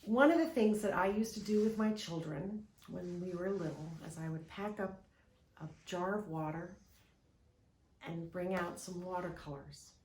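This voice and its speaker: A woman gently and expressively reading a children's picture book aloud, with a roomy echo. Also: on the low side, a little slow, a little hiss or hum.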